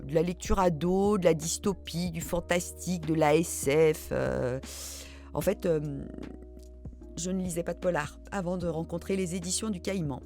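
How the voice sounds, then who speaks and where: A middle-aged woman who runs a reading channel answers viewer questions in a casual chat, poking fun at herself and using lots of hesitant fillers. Her voice sits on the low side and is mellow, her speed is normal, and faint music plays behind her.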